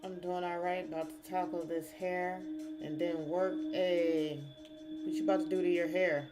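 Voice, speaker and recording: A woman streamer talking in a low-pitched, casual, chatty way, switching between the game and her viewers. Game music plays clearly behind her voice. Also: flat delivery, moderate pace. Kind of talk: casual live-stream chat.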